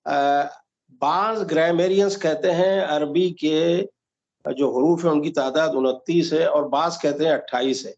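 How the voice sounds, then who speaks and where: A man's voice: fairly high pitch, steady tone, a little mellow. A man teaching an online Quran reading class, patiently quizzing students and repeating examples. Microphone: video call. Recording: roomy, dull online call audio.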